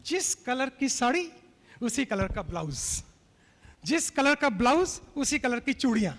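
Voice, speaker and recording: Speaking unhurriedly with big swings in pitch, a male keynote speaker with a very high, fairly bright voice tells anecdotes in a motivational talk. The convention hall adds reverb, and he keeps pressing the audience to respond.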